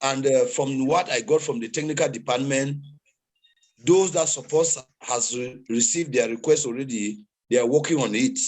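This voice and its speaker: A man's voice: medium pitch, moderate pace, darkish tone. A man hosting an online meeting, giving a preachy motivational talk to the crowd over a video call. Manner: preachy, exhorting crowd, repetitive.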